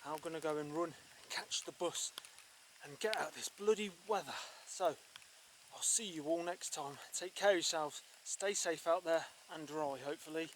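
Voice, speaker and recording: A man's voice: on the high side, normal speed, a bit bright, slight background noise. A man chatting as he walks a muddy misty countryside route, grumbling about the weather. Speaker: travel vlogger. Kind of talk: walking tour commentary. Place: outdoors on muddy fields in mist.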